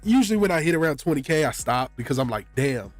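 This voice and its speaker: A man's voice: a little high, expressive, rapid-fire, dry recording, soft background music. A man streaming a game while sick with a blocked nose, chatting casually with viewers in loose, slangy speech full of "bro". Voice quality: congested, stuffy nose. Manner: slangy, often says "bro".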